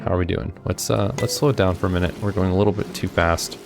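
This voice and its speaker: A man giving casual commentary while he plays a video game, thinking out loud and talking to himself as he plays. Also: sits low, steady tone, quick pace, creaky, over music. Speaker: gameplay video host.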